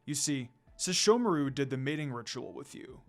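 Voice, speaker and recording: Man voicing Inu Taisho, low fatherly demon spirit. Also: animated, moderate pace, faint music behind, lightly acted. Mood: solemn, reassuring. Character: calm, kindly fatherly dog demon spirit.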